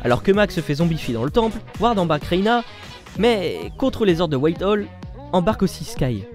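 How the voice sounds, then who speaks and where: A man from France narrating a comedy recap, slangy and full of jokes. His voice is high and lively and swings around a lot. Background music plays faintly under it. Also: a little fast. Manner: jokey, slangy, animated. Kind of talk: fast comic recap narration.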